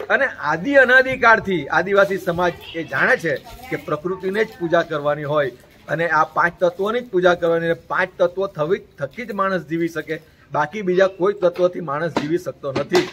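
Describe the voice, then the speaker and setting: High-voiced man giving an earnest message. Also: fairly bright tone, a little hiss or hum, low-quality recording. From Gujarat. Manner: preachy, repeats points in long lists. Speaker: interview guest.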